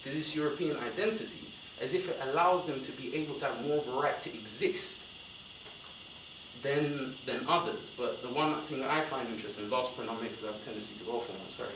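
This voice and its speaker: A young man speaks on a university panel in a discursive, animated way, circling back and correcting himself as he goes. His mid-range voice is picked up from across a roomy lecture hall with a steady hiss of noise underneath. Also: medium pitch, quick pace, recorded from a distance. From born in Somalia, raised in West London. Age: young adult.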